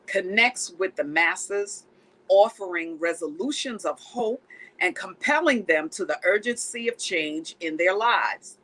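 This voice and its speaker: A woman's voice: on the low side, animated, a little slow, fairly bright tone, poor audio. Effusive woman hosting a faith TV show. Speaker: talk show host. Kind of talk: faith-based TV interview.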